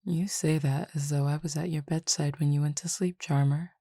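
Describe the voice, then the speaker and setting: Speaking to the listener as a languid cupid that feeds on desire, a woman in an audio roleplay uses a deep, husky, gravelly murmur with fairly even intonation. She's formal, measured and quietly teasing, and the recording is close and dry with no room sound.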